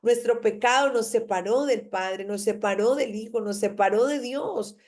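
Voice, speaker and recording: A woman's voice: fairly high pitch, normal speed, a little mellow. A woman preaching a daily devotional, reading scripture and urging the listener with emphatic repetition. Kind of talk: devotional sermon with Bible reading.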